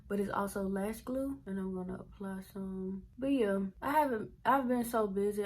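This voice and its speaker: A woman's voice: medium pitch, darkish tone, a little hiss or hum. A young adult woman and former teacher, talking candidly and rambling a little as she chats to her viewers in a casual vlog. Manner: candid, rambling, talks to viewers while doing makeup.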